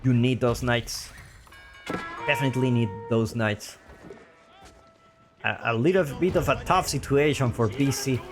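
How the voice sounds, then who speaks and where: A man with a Spanish accent, a native Spanish speaker, casting a strategy game match live and repeating his own phrases as he talks. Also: a little high. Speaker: game caster.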